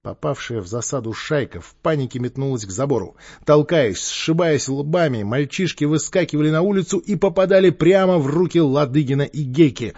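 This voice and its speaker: Husky male audiobook narrator. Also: on the high side, fairly quick, few pauses, dull audio. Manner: expressive, lively narration. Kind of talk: literary narration.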